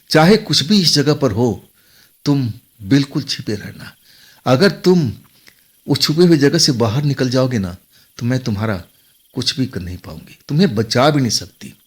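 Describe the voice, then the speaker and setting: A man voicing a young female ghost girl who keeps pleading and warning, in a husky voice lifted higher than his own.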